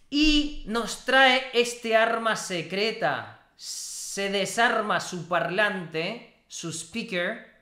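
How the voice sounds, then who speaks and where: A woman hosting a video reaction, commenting excitedly and swinging between shouts and low muttering. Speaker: YouTube reaction host. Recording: roomy echo with loud music behind.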